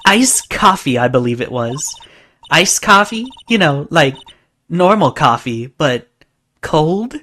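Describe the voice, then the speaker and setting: A woman's voice: low voice, expressive, takes it slowly, a bit bright, heavily acted. A woman playing a coy, teasing young witness. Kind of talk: voicing a game character aloud.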